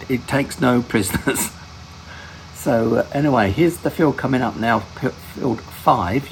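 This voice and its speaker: A man hosting his own gaming channel, giving relaxed gameplay commentary and often correcting himself mid-sentence. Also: on the low side, gravelly, slight background noise, low-quality recording.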